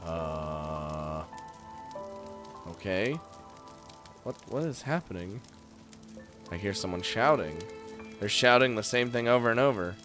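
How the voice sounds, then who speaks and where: A man with a fairly low voice reads a game's narration aloud as he plays. He keeps cutting in with laughing, excited reactions. Quiet music plays under his voice. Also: takes it slowly, long pauses. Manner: animated, laughs often, reacts loudly and jokes. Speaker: game streamer. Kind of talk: let's play, reading game text aloud with commentary.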